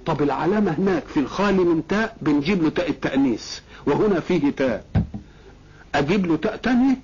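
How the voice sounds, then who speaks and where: A man with an Egyptian Arabic accent delivers a Quran commentary lecture in a fairly high voice. He teaches by asking his listeners questions and answering them himself, driving points home through repetition. The recording is dull and lo-fi, like an old tape. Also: animated, fast talker, a little mellow, slightly rough. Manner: teacherly, repeats key words for emphasis. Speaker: religious scholar.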